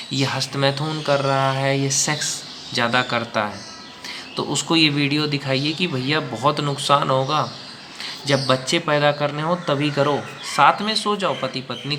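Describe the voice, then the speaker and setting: A man's voice: medium pitch, pushed and bright, a little hiss or hum. A man giving a preachy advice talk, lecturing viewers in a repetitive, direct way and calling them brother. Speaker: advice video speaker.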